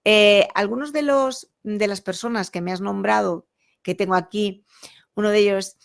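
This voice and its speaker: A woman's voice: mid-range voice, steady tone, moderate pace, vocal fry. A woman hosting an interview, asking long questions with hesitations. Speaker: interview host. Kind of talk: conversational interview.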